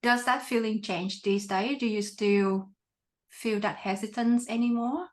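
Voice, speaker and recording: A woman from Vietnam hosting a podcast, asking measured, reflective interview questions. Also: medium pitch, steady tone, a little mellow. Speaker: podcast host.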